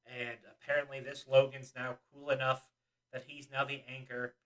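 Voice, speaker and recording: Bright-voiced man, off-mic, chatty. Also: mid-range voice, level tone, moderate pace, recorded from a distance, rough recording. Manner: chatty, recapping with frequent ums and laughs. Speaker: podcast co-host. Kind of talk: casual chat.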